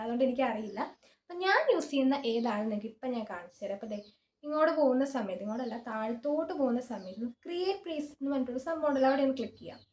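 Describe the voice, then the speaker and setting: A woman's voice: high-pitched, echoey room. A woman singer giving a chatty, informal app tutorial and often pointing things out as she shows them. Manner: chatty and informal, often saying "see" while showing things. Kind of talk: casual screen-recorded tutorial. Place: small closed room.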